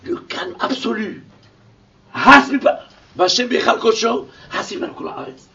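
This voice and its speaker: Preacher, male, high gravelly voice, impassioned, distant lo-fi recording. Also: lively intonation, unhurried. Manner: impassioned, swings from whispers to shouted Hebrew verses. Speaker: rabbi. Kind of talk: sermon.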